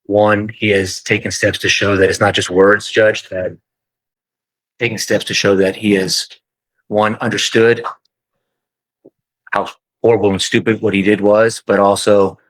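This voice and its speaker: A man arguing formally in court as a defense attorney, measured and deferential to the judge. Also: on the low side, little pitch movement, fairly bright tone, no echo, poor audio.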